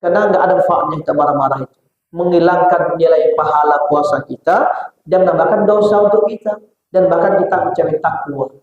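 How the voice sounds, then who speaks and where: Male preacher, Medan accent, high voice, rhythmic emphatic dawn sermon, recorded far off in a booming echoey hall. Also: fairly quick, narrow, tinny audio. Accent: Medan Indonesian. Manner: rhythmic repetition, rising emphatic delivery.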